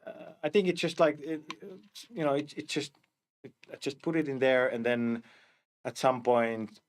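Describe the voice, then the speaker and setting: A man, a cinematics director, talking casually in an interview, halting with many restarts and fillers. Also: mid-range voice, little pitch movement, a little hiss or hum. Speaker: live action and cinematics director.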